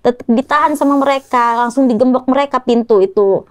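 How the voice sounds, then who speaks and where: A woman's voice: a little high, fairly quick, no room sound. Woman telling what happened in short choppy bits, keeps quoting people, dry close sound. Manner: tells events in short clipped phrases, often quoting others. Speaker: guest, mother of the victim. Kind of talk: emotional recounting in an interview.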